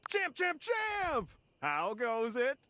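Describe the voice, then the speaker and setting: An actor playing a jovial, out-of-touch corporate manager in a video game, falsely chummy and theatrical. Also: male voice, extremely high pitch, huge pitch swings, takes it slowly, bright, forceful tone, slight background noise, exaggerated voice. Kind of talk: video game character acting.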